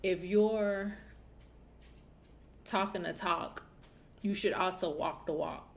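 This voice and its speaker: A woman's voice: fairly low pitch, steady tone, slow. A woman raised in the Southern United States, hosting a podcast and telling a family story in a candid, opinionated, chatty way. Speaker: podcast host. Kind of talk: casual podcast monologue.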